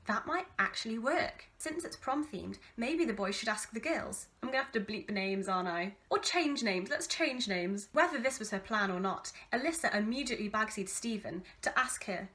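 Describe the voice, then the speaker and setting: This is a woman in her twenties with an English accent and a very bright, fairly high voice. She reads a diary aloud in a chatty way, breaking off for asides. Her delivery is animated and self-mocking, with theatrical exasperation. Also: normal speed, hardly any pauses. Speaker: vlogger reading her old teenage diary. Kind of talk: casual diary reading with asides.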